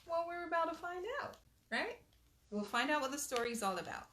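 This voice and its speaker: A woman hosting a storytime reads a picture book aloud to children, animated and expressive, adding patient, motherly asides. Her voice sits high and moves a little fast, with slight background noise.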